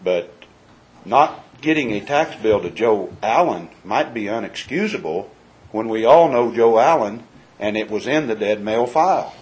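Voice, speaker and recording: A man's voice: on the low side, lively intonation, unhurried, rough recording. A man speaking as a county official at a public meeting, cautious and deferring to the statute.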